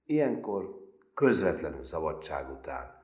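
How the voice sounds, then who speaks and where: A man reading a literary novel aloud as an audiobook narrator, in a measured storytelling manner. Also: a bass voice, big pitch swings, roomy sound. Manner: measured storytelling, brief voices for dialogue.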